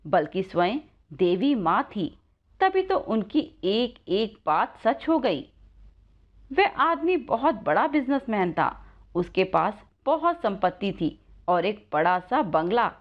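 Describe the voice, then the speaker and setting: A woman telling a moral story with lively, expressive narration. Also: mid-range voice, highs cut off.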